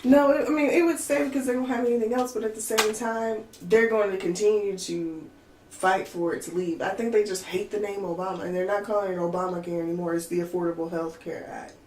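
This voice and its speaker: A woman co-hosting a podcast, ranting in casual chat with an exasperated, animated manner and lots of fillers. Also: medium pitch, a little fast. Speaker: podcast co-host. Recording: echoey room with faint noise.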